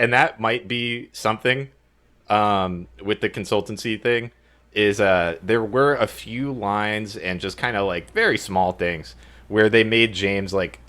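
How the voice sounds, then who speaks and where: A man co-hosting a gaming podcast, rambling and swearing freely as he makes his points. His voice sits a bit low. He talks casually and with energy. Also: unhurried. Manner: animated, profane, rambling. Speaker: podcast co-host.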